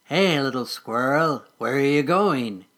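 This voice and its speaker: A man's voice: mid-range voice, animated, unhurried, a bit bright. A man voicing a sly, greedy old male mole who talks in a greasy, wheedling way.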